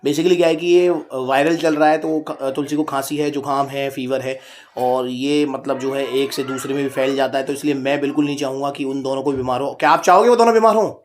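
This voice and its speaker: A medium-pitched man with a steady tone speaks briskly, with a little hiss or hum in the audio. He's a father filming a casual family vlog at home in front of a heater, chatting playfully and teasing his viewers.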